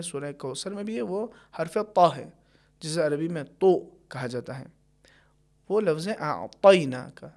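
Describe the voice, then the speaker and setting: A man teaching Quran recitation, explaining pronunciation patiently and carefully, and slowing down to demonstrate each sound. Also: sits high, darkish tone. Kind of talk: tajweed lesson with slow recited examples.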